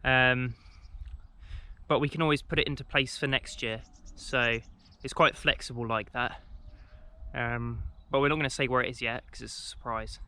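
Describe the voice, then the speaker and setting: This young English vlogger strolls along a country path chatting to his handheld camera, full of ums and false starts. His medium-pitched voice is steady at a normal speed, bright, forceful, clear, and resonant.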